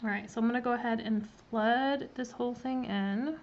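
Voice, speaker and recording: A woman's voice: fairly high pitch, normal speed. A woman chatting her way through a live-streamed cookie-decorating demonstration, greeting viewers by name with plenty of ums. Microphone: laptop mic. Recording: slightly muffled, faint background noise.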